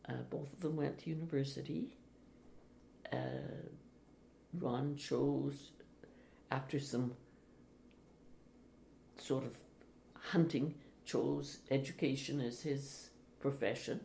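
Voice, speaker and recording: Slow, gravelly older woman recalling. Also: rumbling low, fairly even intonation. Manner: slow, reflective, with soft laughs. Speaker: retired teacher, interviewee. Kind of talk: oral history interview. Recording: echoey room, faint hiss.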